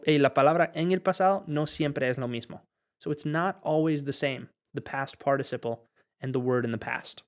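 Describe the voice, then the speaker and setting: A man teaching a live online English class, encouraging and explaining step by step as he switches between two languages mid-sentence. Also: on the high side.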